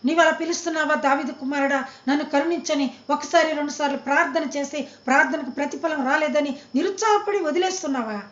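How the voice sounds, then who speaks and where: A woman's voice: high voice, fast talker, hardly any pauses. A woman preacher delivering a storytelling sermon, acting out the voices of the people in the tale. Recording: roomy, muffled lo-fi sound.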